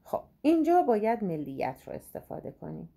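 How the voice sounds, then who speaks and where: A woman teaching, going through exam questions, saying English words slowly and explaining quickly in between. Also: mid-range voice, big pitch swings, vocal fry, dark tone.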